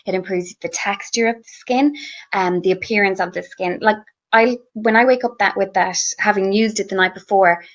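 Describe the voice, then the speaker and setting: An Irish woman, a guest beauty blogger, chats enthusiastically about her favourite skincare products, full of fillers and restarts. Her voice is mid-range at a moderate pace, and the lo-fi audio sounds slightly muffled.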